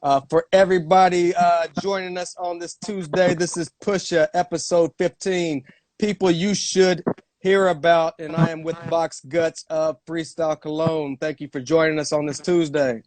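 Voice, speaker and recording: A man's voice: fairly high pitch, little pitch movement, moderate pace, a little mellow, no room sound. A man hosting a casual interview on a live video call, asking laid-back questions padded with fillers. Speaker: interview host.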